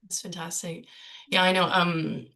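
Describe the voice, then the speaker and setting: A woman's voice: fairly low pitch, level tone, unhurried, bright, forceful tone. A woman chairing a conference session, friendly and enthusiastic with hesitant restarts, her voice worn from losing it. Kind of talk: conference Q&A chat.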